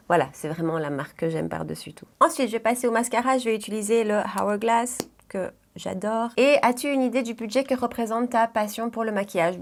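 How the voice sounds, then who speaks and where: A woman's voice: mid-range voice, darkish tone. Chatty Belgian woman doing makeup. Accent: Belgian French, Brussels area. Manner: chatty, many fillers like "euh, voilà". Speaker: beauty YouTuber. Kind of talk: casual Q&A chat while doing makeup.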